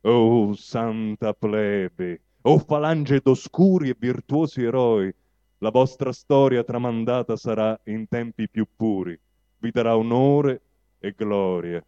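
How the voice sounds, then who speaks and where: A man at a public cultural evening, introducing and then reciting a poem aloud in a slow, measured declamation. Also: medium pitch, mellow, clear, resonant tone, no echo, dull audio. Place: cultural evening in a cinema venue.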